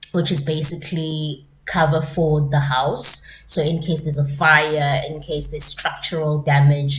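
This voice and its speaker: A woman's voice: low-pitched, a little mellow. A South African woman in a casual finance vlog, talking chattily through the steps with plenty of fillers, in her morning voice. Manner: chatty, explanatory, many fillers. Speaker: personal finance vlogger. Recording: roomy echo, faint room noise.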